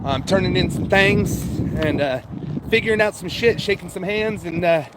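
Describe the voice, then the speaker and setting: A man with a high voice talks at a normal pace, chatting casually to his viewers as a livestream host. He speaks to them directly and swears now and then. Street and traffic noise fill the background outdoors.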